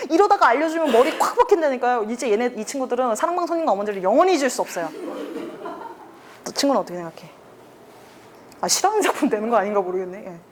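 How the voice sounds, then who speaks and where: Brisk, lively woman teacher with a slightly high voice, acting out story lines for a class of teens. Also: a little hiss or hum. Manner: animated, acts out characters' lines, asks students questions. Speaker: reading club teacher. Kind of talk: lecture with acted quotes.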